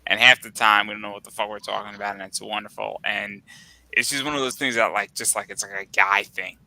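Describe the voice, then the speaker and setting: A man's voice: on the low side, steady tone, a little fast, vocal fry, pushed and bright, poor audio. A man in his twenties telling a rambling, profane story in casual chat, full of likes and swearing.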